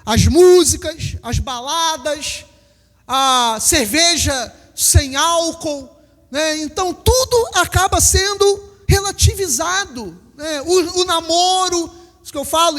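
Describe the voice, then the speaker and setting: A high-pitched man in his fifties from Brazil preaching a lively sermon in a church hall. He hammers his warnings with repetition and acts out small scenes for the congregation. His voice rings with a long hall reverb. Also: a little slow. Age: 50s. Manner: emphatic, repeats lines, acts out little scenes. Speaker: pastor.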